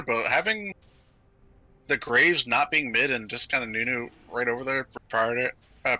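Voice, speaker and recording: A man casting a video game match, talking through the action in brisk, analytical play-by-play with frequent fillers. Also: medium pitch, sharp tone, no echo. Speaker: esports caster. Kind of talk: play-by-play commentary.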